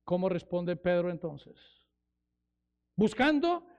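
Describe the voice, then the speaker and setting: A man preaching an expository sermon in a dramatic way, slowing down for emphasis and acting out the quoted voices. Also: sits high, vocal fry, darkish tone. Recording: dull lo-fi recording.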